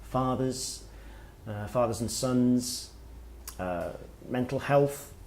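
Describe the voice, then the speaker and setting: A middle-aged man, an author giving a workshop talk, speaking in a reflective, halting way as he thinks aloud. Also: medium pitch, a little mellow, slight background noise. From Wales. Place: workshop room with listeners.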